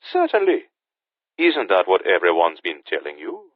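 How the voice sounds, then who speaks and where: A man voicing a suave, menacing male Haitian sorcerer villain with a Caribbean-tinged British accent, speaking smoothly and mockingly over a phone line. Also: deep voice, huge pitch swings, unhurried, no echo, full character voice. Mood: smug menace. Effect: phone line filter.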